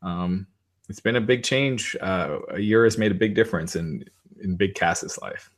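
A deep-voiced man in his forties co-hosts a podcast, chatting casually about wrestling. He talks at normal speed but hesitates often, filling gaps with many ums and uhs.

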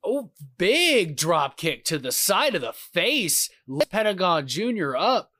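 A man doing wrestling play-by-play commentary as a commentator, calling each move and exclaiming excitedly at the big ones. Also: sits high, slow pace, no echo, studio quality.

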